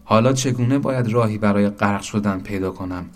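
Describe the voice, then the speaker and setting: A man voicing a small, naive wooden boat in a storybook, full of excited, eager questions. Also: on the low side, natural voice. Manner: excited, breathless questions, shouting. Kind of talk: storybook narration.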